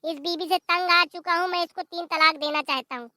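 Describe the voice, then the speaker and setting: A shrill, exasperated village husband in a cartoon comedy, forever scolding and griping, voiced by a performer. The tone is very high and bright. It sounds close and dry, with no room around it. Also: steady tone, fairly quick, no room sound, full character voice. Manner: shouting, complaining, scolding. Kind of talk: animated comedy voice acting.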